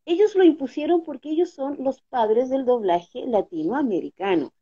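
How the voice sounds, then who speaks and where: Husky Chilean woman explaining with lively pitch. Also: moderate pace. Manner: explanatory, checks in with "¿ya?" and "¿no es cierto?". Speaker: guest, dubbing actress and teacher. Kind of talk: interview. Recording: dull lo-fi audio.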